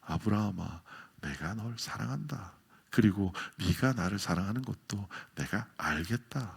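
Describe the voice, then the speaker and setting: A man voicing a gentle, tender Jesus, speaking in a hushed, reassuring way. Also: medium pitch, sing-song, unhurried, vocal fry, breathy edge, pitched below the performer's own voice, heavily acted.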